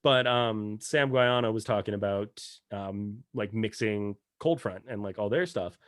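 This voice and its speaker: A Canadian man in his thirties, a bassist guest talking in rambling, laid-back casual chat and swearing freely. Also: unhurried, fairly bright tone, no echo, studio quality.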